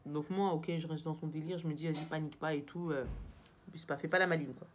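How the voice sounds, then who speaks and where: Young woman, vlogger, chatty storyteller, slightly low voice. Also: quick pace, a little hiss or hum. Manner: chatty, animated, addresses viewers as girls. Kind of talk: casual storytelling vlog.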